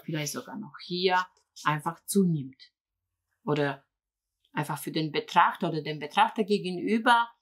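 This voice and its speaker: A woman teaching abstract painting in an online seminar, explaining slowly with many filler sounds while she draws on examples. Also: lowish voice.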